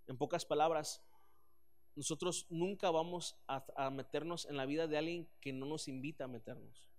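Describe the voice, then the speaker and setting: A man, preaching a sermon as pastor, earnest and animated with frequent restarts. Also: on the high side.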